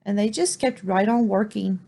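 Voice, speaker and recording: A woman reading a children's story aloud in a clear, expressive storybook manner. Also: mid-range voice, normal speed.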